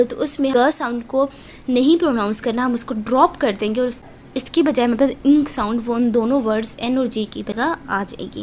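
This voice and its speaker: A young woman with a Pakistani Urdu accent, teaching phonology from lecture notes and slowing down to spell out English example words. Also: sits high, darkish tone, slight background noise.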